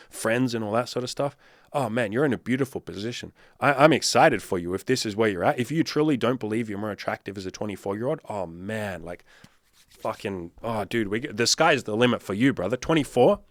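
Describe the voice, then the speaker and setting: A man's voice: on the low side, dry recording, studio quality. A man in his thirties, a dating coach giving blunt, profane, fired-up advice in a casual monologue. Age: 30s.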